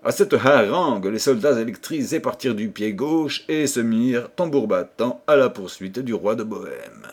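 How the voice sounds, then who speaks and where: A man's voice: medium pitch, lively intonation, moderate pace, breathy edge. A man reading a fairy tale aloud for an audiobook, telling it expressively. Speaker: audiobook reader.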